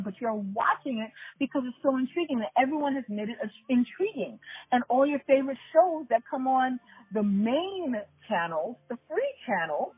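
Animated woman with a husky voice on a tinny line. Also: sits high, dry recording. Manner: animated, laughing often, addresses listeners directly. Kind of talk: casual storytelling chat. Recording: tinny phone-like line, dry, faint music.

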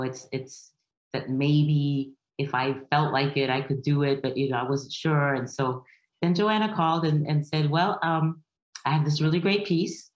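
A low-pitched woman, an actress raised in Berlin, talking about her work in a hesitant way, dotted with "uh"s. The sound is a little dull and carries a roomy echo. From Berlin, Germany. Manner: hesitant, full of "uh"s and quick asides. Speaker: stage actress. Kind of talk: casual interview chat. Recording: echoey room, slightly dull sound.

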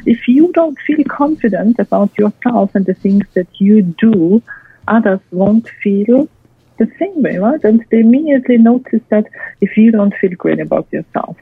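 A guest expert and speaker with a non-native English accent gives advice in a structured way, repeating and emphasizing her points as she lists them. Her mid-range voice is gravelly and slightly rough, with lively intonation and normal speed, on a dry, tinny, phone-like line.

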